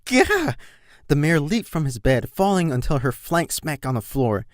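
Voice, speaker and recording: A man narrating a fan fiction audiobook in an expressive reading style. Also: fairly high pitch, moderate pace, no echo, clean studio sound. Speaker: reader.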